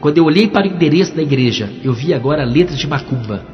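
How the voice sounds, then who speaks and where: A man with a Brazilian Portuguese accent telling a church testimony as an animated storyteller who acts out the dialogue. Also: a little high, fast talker. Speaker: testimony speaker. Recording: echoey hall, dull lo-fi sound, faint music.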